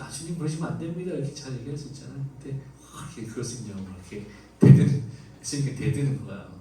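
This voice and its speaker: A man preaching an expository sermon as pastor, lively, voicing the quoted lines in a raised voice. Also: mid-range voice, slight background noise. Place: church sanctuary. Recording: echoey church hall from far off.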